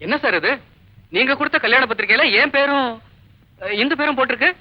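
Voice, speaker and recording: A man's voice: extremely high pitch, brisk. An actor playing an earnest young college student who pleads his innocence and solemnly repeats his words. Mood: puzzled. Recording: dull old film soundtrack with music.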